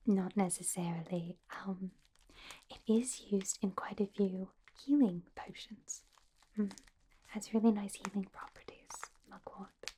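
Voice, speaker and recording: A woman's whispered, breathy ASMR roleplay casts her as a caring, studious teen schoolgirl witch; she speaks gently, helpfully, and with small hesitant pauses. The pitch is medium, the tone steady, and the mood patient and helpful.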